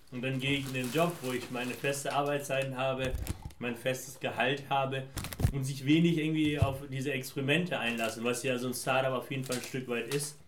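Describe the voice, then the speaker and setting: A man's voice: medium pitch, background noise. A man from Afghanistan, a founder answering interview questions in long, winding, reflective sentences. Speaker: guest, founder. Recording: roomy echo.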